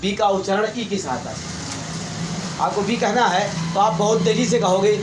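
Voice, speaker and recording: A man's voice: high-pitched, moderate pace. A man teaching English grammar to a class, repeating points and quizzing his students. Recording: echoey room, faint hiss.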